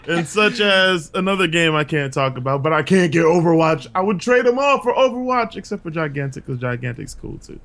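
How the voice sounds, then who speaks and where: A man's voice: a little high, animated, moderate pace, a bit bright. A man who is a quiz show contestant, joking and self-deprecating in casual chat.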